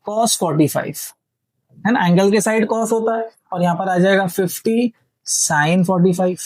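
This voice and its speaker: A man's voice: high voice, darkish tone, no room sound, rough recording. A man teaching engineering step by step, patiently walking students through a worked problem and checking in with them often. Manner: patient, repeats "theek hai" and checks understanding often; mixes English technical terms into Hindi speech.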